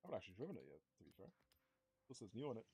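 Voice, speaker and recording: A young gaming streamer casually rambles through a racing game, swearing freely, talking to his viewers, and saying he's starting to lose his voice. His voice is husky and dark, on the low side with big pitch swings, and he talks at a racing speed.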